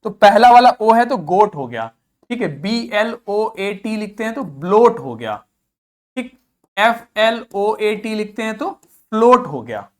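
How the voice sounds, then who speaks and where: Woman, English pronunciation teacher, animated pitch, patient, repeats herself. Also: unhurried. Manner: patient, repeats key points and asks "ठीक है". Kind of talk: online class lecture.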